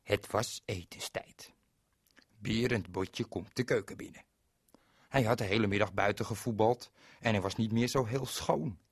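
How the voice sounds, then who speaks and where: A man's voice: fairly low pitch, moderate pace, breathy edge, no room sound, clean studio sound. A man telling a story to children on a radio show, playful and speaking to young listeners directly.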